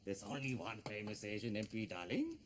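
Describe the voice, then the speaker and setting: A pompous, swooping Pakistani dad. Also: male voice, on the low side, huge pitch swings, brisk, heavy background noise. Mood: boastful. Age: middle-aged. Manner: pompous, boastful, theatrical. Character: pompous, excitable middle-aged Pakistani father and community leader. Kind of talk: broad television sitcom acting.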